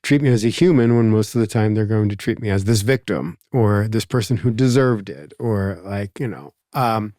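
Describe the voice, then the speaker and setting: A man's voice: fairly low pitch, moderate pace, hardly any pauses, mellow, no room sound, clean studio sound. A man with a Philadelphia accent, hosting a podcast in casual conversation, reflective and rambling with lots of asides. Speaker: podcast host.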